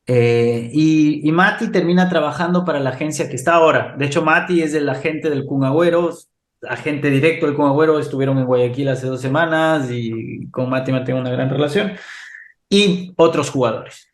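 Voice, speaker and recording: A man with an Ecuadorian accent, a podcast guest telling a lively anecdote in casual conversation, laughing often. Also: on the high side, moderate pace, echoey room. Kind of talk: casual storytelling interview.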